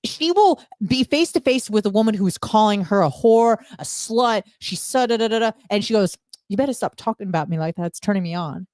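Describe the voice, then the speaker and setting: Blunt and emphatic, this woman co-hosts a podcast, trading crude humor in loose, unscripted banter. Her medium-pitched voice is expressive and brisk with a slightly dark tone, and the recording has no echo.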